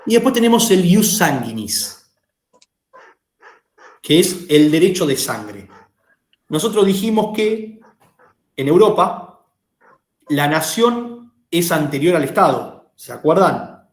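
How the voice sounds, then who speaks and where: Argentine guy teaching law class, kinda high voice, keeps asking students if they get it, echoey room. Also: big pitch swings, takes it slowly, long pauses. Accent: Argentine Rioplatense. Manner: explanatory, asks the class questions. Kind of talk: lecturing a class.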